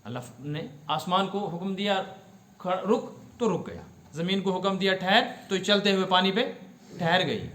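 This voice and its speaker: بلند آواز، گونجتا ہوا کشمیری لہجے والا بزرگ مفتی. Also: male voice, high-pitched, a bit bright, roomy sound. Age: older. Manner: explanatory, asks the audience questions and repeats Arabic words slowly. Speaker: mufti teaching Quran commentary. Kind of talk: religious lesson.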